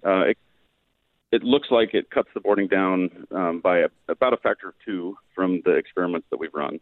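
A low-voiced man comes through a thin, tinny phone line that fades in and out. He is a professor explaining things to a radio host. He speaks patiently, with plenty of "um"s. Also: moderate pace, no echo. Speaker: guest physics professor.

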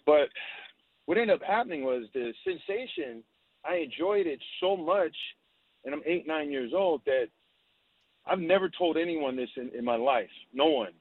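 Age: 50s. Sex: man. Role: call-in caller. Sound: tinny dry phone line, speakerphone call from a car. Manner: halting, hesitant. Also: fairly high pitch, big pitch swings, dry recording. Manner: halting, hesitant, repeats himself. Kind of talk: call-in confession.

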